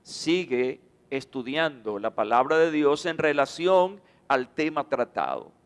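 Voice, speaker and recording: A man's voice: fairly high pitch, big pitch swings, smooth. A male pastor giving a Sunday sermon, calling on the congregation to respond. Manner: slow, deliberate preaching with call-and-response to the congregation. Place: church sanctuary.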